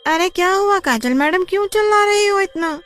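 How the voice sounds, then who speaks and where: A dismissive female bystander at a school, voiced by a woman, talks in a very high voice, mildly mocking and brushing the matter off. Faint music sits behind the cartoon story. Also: expressive, moderate pace, fairly bright tone.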